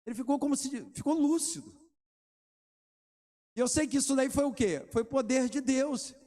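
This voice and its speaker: A man's voice: very high voice, normal speed, dark tone. A middle-aged man, preaching a sermon and asking the congregation rhetorical questions between testimony stories. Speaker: pastor.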